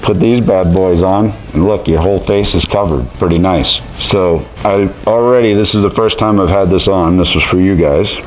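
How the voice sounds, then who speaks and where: A man's voice: low voice, normal speed, few pauses, darkish tone, rough recording. A middle-aged man speaking through a face mask, chatting in a folksy, plain-spoken way as he reviews gear in his workshop. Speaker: host of a welding channel. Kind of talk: casual product review.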